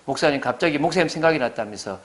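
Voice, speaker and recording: A man's voice: fairly high pitch, lively intonation, rapid-fire, fairly bright tone. A man preaching a Sunday sermon as pastor. He stresses his points hard and keeps putting questions to the congregation.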